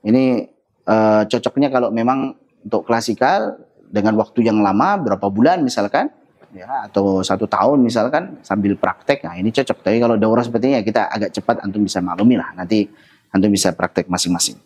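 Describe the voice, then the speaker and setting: A man's voice: on the low side, a little fast, darkish tone, slightly rough. A man teaching a lesson on pronouncing Arabic letters, explaining step by step, modelling each sound and checking that listeners follow. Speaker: Quran recitation teacher. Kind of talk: online tajwid lesson.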